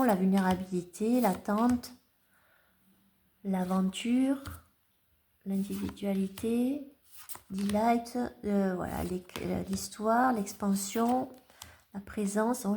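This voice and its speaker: In this casual vlog, a tarot-collecting woman displays her cards at home in a dark-toned, mid-range voice. Her talk is halting, packed with fillers and restarts.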